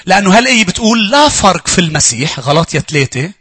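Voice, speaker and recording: A man with a Lebanese accent delivers a sermon in a high, forceful voice with a husky edge. He swings between loud urging and quiet asides. The sound is dry and close. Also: very animated, rapid-fire, no echo. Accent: Lebanese Arabic. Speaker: preacher.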